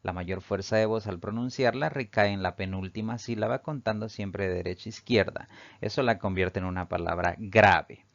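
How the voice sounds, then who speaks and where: A man teaching a grammar lesson, explaining slowly and methodically and repeating the same phrases. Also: on the low side, no echo, lo-fi sound.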